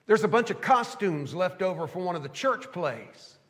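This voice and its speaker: An earnest small-church pastor laying out a sly plan in a coaxing, conspiratorial tone, as a preacher puts him on. The voice sits high, and a long hall reverb rings after it. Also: male voice, sing-song, normal speed, a bit bright.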